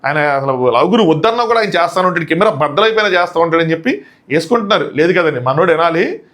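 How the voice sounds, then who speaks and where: Guy hosting a review, high voice, talks fast, jokey and mocking. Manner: mocking and excitable, slangy asides. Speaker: show reviewer and host. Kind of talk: casual comic review.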